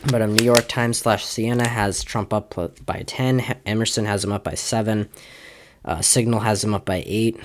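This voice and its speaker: A man's voice: on the low side, fairly even intonation, normal speed, slight background noise. A young man giving casual election prediction commentary, talking loosely with many fillers and restarts. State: slightly out of breath. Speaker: political commentator.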